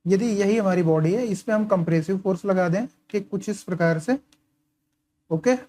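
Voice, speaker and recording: Going over course material in an informal lecture, a male engineering tutor speaks with a mellow, dark tone. He fires off questions only to answer them himself, sprinkling in short check-ins while he marks up and highlights his notes.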